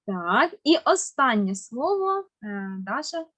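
A woman teacher with a slightly raised pitch takes children through a lesson over a video call. She speaks patiently and warmly encourages each pupil. She lands every stressed syllable slowly and deliberately. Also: very animated. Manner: slow, careful stressing of words. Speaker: Ukrainian language teacher. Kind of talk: online language lesson for children.

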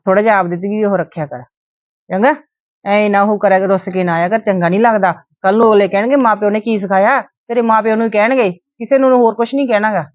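A woman playing a sharp-tongued aunt in a Punjabi family comedy skit, shrill when quarrelling and soft when coaxing her niece. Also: steady tone, fast talker, no room sound, muffled recording, close to an everyday voice. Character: bickering older aunt, sharp-tongued yet soothing. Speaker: aunt (bhua).

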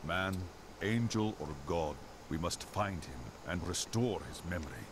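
A solemn warrior monk from a dark fantasy game. His voice sits very low, with a Russian accent and a formal, grave delivery. Loud ambient noise surrounds every word. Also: lively intonation, measured pace. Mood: solemn resolve. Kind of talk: dramatic video game voice acting.

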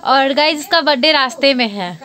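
A woman's voice: high voice, brisk, pushed and bright. A young woman vlogging casually, chatting with her viewers and calling them "guys", with English words mixed into her speech. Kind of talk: casual vlog chat.

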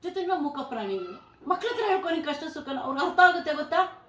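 A middle-aged mother with a Kannada accent speaks in a fairly high voice, pleading with and scolding her listeners. The sound carries a noticeable room echo. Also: big pitch swings, fast talker, a bit bright, slight background noise. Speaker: mother of a vlogger. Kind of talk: emotional family talk.

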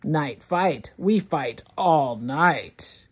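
A children's read-along host reads a rhyming picture book to young kids, speaking very slowly and expressively. Her voice is deep and a bit rough, and she delivers it deliberately, word by word, for early readers.

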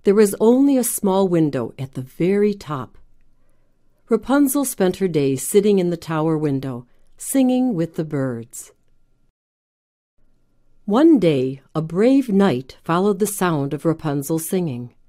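A woman reads a children's fairy tale aloud with a gentle, even delivery. Her voice is mellow and warm with a slightly low pitch. She takes her time over every sentence. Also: a little slow. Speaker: narrator. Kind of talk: scripted storybook narration for children.

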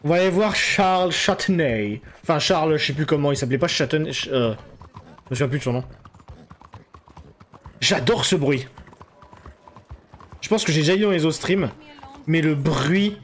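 A man's voice: on the high side, moderate pace, long pauses, a bit bright, slight background noise. A man streaming a video game, chatting and joking casually with viewers and swearing freely. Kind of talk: casual live game commentary.

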